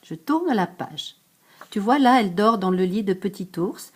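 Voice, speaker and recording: An older woman reading a picture book aloud to a grandchild, lively, stopping to explain hard words. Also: medium pitch, moderate pace, husky.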